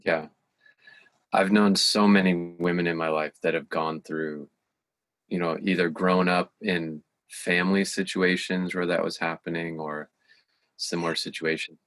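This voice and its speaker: Male host, very low voice, reflective, pauses to find words. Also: little pitch movement, a bit bright, no room sound. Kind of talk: conversational interview.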